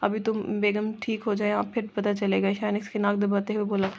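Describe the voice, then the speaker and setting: A woman reading a romance novel aloud in a steady, even voice, with some stumbles over words. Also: medium pitch, a little fast, vocal fry, lo-fi sound, a little hiss or hum. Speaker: novel narrator.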